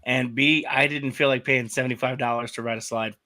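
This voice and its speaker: A man's voice: medium pitch, steady tone, fairly quick, pushed and bright. A man co-hosting a casual sports podcast, trading dry, wry jokes. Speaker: podcast co-host.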